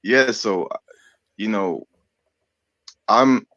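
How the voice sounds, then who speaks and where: A man's voice: fairly low pitch, very slow, a bit bright, dry recording, muffled recording. A man in his thirties from France, speaking English as a second language, a little sick and searching for words with many fillers. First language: not English. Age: 30s. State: sick, coughing. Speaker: podcast guest. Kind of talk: casual chat.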